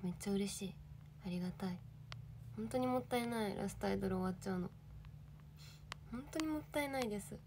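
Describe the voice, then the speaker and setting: A woman's voice: mid-range voice, fast talker, long pauses, noisy background. A young woman in her twenties, an idol livestreaming, chatting casually and reading viewer comments with giggly, bubbly energy.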